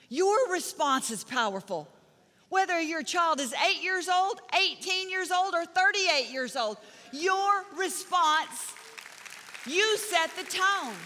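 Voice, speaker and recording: Her voice high and bright, a middle-aged woman pastor preaches in a vast church hall whose long reverb carries every word. She relies on storytelling and punchy repetition to press her message.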